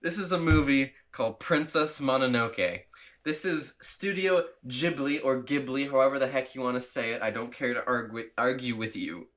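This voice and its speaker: A young man chats on a casual movie podcast at an ordinary, middle pitch. He rambles with enthusiasm, backtracks often and slips in frequent laughs. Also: moderate pace, a bit bright. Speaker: podcast co-host.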